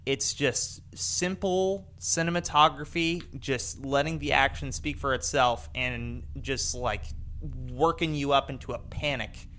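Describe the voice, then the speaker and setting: A young man co-hosting a podcast, chatting casually about a movie and acting out scenes with sudden loud bursts. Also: mid-range voice, unhurried, a little hiss or hum. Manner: animated, acts out scenes with sudden loud outbursts. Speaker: podcast co-host. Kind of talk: casual film discussion.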